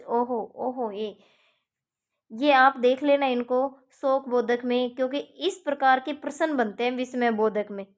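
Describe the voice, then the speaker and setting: Lady teacher going through grammar examples one by one, slightly high voice, keeps checking in. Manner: explains step by step, repeats examples, checks with "ठीक है". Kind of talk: exam-prep grammar lesson.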